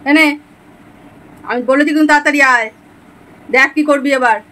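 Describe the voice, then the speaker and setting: A woman's voice: high voice, fairly quick, bright, forceful tone, poor audio. A woman at home, coaxing and scolding her pets in baby talk. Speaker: pet owner vlogger.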